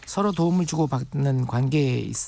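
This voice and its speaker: A man's voice: medium pitch, brisk, creaky, warm tone. A man on a radio show, a guest expert on urban farming, explaining patiently with everyday comparisons. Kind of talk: radio interview.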